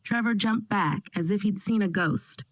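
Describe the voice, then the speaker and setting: A woman narrating a first-person family drama in a steady, dramatic storytelling manner. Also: mid-range voice, normal speed, dry recording, poor audio.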